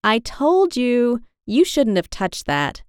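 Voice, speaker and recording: A cautious young girl who frets about everything, as a woman narrator plays her in a children's storybook. She sounds anxious and pleading, pitched up, with a lively rise and fall. The sound is close and dry. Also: slow, clear, resonant tone, no room sound. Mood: worried.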